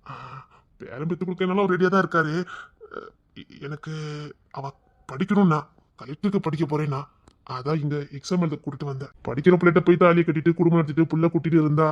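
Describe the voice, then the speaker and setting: A man's voice: fairly high pitch, fast talker, dull audio, close to an everyday voice. A man playing a kind, devoted young man who reassures an older woman in an audio drama. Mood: earnest. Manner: earnest, warm-hearted, reassuring. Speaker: young husband-to-be waiting outside an exam hall.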